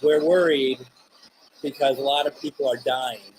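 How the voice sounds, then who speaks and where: A man hosting a live paranormal session, speaking earnestly and haltingly, with frequent restarts. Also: mid-range voice, steady tone, a little hiss or hum, low-quality recording. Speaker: host.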